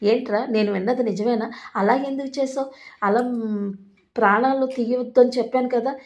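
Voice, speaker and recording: A woman plays an alarmed older mother scolding her son. Her voice is fairly high with a darkish tone and fairly even intonation, delivered at a moderate pace and close to how she'd sound in everyday speech.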